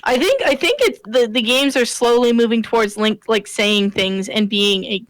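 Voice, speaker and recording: A woman with a high voice talks through games in a loose, rambling way, full of "like" and restarts. She is co-hosting a relaxed podcast chat. Her voice is close and dry, with no room sound. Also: moderate pace, no echo, poor audio. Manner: rambling, many fillers and restarts. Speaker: podcast co-host. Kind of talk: casual gaming chat.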